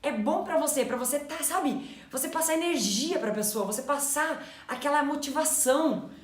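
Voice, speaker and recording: A woman talks through ideas in a lively, animated way and slips into quoted inner thoughts. Her voice sits a bit high. The room gives a noticeable echo. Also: normal speed. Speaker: co-host. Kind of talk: casual explanatory chat. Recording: echoey room.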